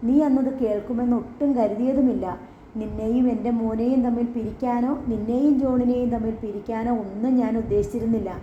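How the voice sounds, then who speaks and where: A woman's voice: a little high, fairly even intonation, fairly quick, reverberant, dull audio, a little hiss or hum, lightly acted. A woman voicing an earnest older police officer. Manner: earnest, explaining.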